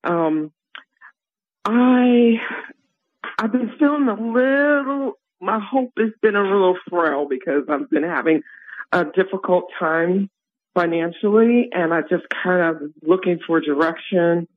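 A middle-aged woman calling in to a radio advice show over the phone, speaking hesitantly with many pauses and ums. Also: on the low side. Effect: heard over a phone line on a radio show. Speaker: caller to a call-in advice show. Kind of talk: phone-in call. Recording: tinny phone line.

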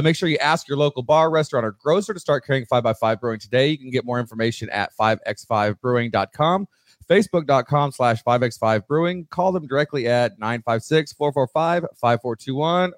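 Guy hosting a podcast, relaxed and joking, swears a lot, dry close mic. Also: medium pitch, a little fast, dry recording. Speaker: podcast host. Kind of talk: casual chat and sponsor reads.

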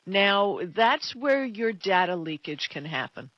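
A woman hosts a casual tech talk show with plenty of opinion. Her voice sits at a medium pitch and she leans on her points. The sound is very dry and a little dull, as on a lo-fi recording. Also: very animated, unhurried, dry recording. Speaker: tech radio co-host.

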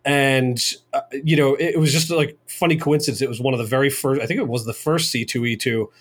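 A man's voice: medium pitch, a little fast, breathy edge. A man co-hosting a podcast, telling a long story in a rambling, casual way with many fillers. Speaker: podcast co-host. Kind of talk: casual chat.

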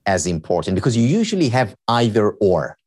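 A darkish, low-leaning male voice comes across as very animated and brisk. He's a happiness researcher and teacher whose first language is Hebrew, guesting on a podcast and explaining his ideas lecture-style, reinforcing every point through repetition.

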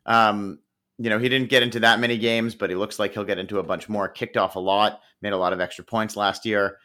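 Talking football on a podcast he co-hosts, this man speaks fairly quickly in a lowish, flat, sharp-toned voice. The chat is casual and jokey, loaded with fillers.

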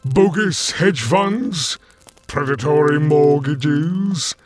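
A man's voice: on the high side, drawn-out words, over music. A man playing a chatty, theatrical Satan who hosts hell with gleeful mock courtesy in a comedic audio drama. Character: campy, chatty Satan as bureaucratic host of hell.

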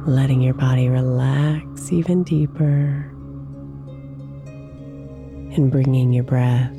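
Low, slow, soothing woman guiding meditation. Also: fairly even intonation. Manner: soft, soothing, gently drawn out. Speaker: guided meditation host. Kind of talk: guided meditation narration. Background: new-age music with singing bowls.

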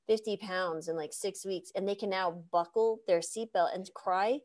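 A woman's voice: medium pitch, fairly even intonation, moderate pace, a little mellow. Woman in her fifties, podcast host, bubbly, laughs often, casual chat. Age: 50s. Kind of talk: casual interview.

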